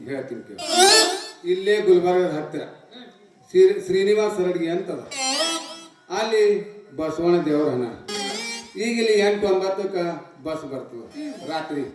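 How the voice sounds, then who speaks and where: A man playing a cheeky, newly married village husband, ribbing his bride with bawdy jokes in a North Karnataka Kannada accent. The voice sits fairly high for a man. It rings through an echoey stage, picked up from far off with instruments playing behind. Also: expressive, unhurried, pauses often. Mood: joking. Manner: teasing, bawdy comic banter. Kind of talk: live village stage play. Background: instrumental music.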